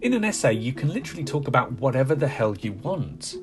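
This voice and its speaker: Male video essayist, conversational and emphatic, highly animated intonation, medium pitch, music underneath. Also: quick pace. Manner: conversational, rhetorical questions, emphatic. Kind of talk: scripted video essay narration. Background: background music.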